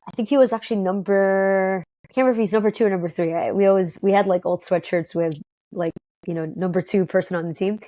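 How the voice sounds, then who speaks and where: A woman from Detroit, talking as an interview guest in an upbeat, quick way with many fillers and restarts. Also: mid-range voice, warm tone, dry recording. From Detroit, United States. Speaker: guest, company co-founder. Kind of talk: conversational interview.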